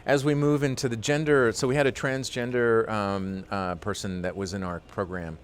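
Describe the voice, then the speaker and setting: A man's voice: fairly low pitch, fairly even intonation, moderate pace, a little hiss or hum. A middle-aged man, a voiceover artist and teacher, talking as a guest in an earnest, enthusiastic way and often repeating himself. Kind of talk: casual interview talk.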